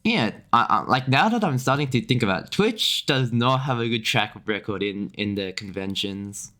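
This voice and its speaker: A man's voice: medium pitch, lively intonation, normal speed, bright, forceful tone. A young man streaming a game, chatting casually and rambling with lots of fillers, restarts and little chuckles. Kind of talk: casual chat while gaming.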